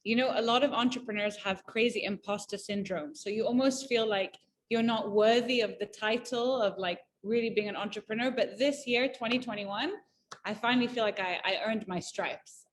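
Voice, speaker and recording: A woman's voice: a little high, normal speed, a little hiss or hum. A woman from Malawi in her thirties, a guest chatting in an interview in an upbeat, talkative way with many fillers and restarts. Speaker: entrepreneur guest. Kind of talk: casual conversational interview.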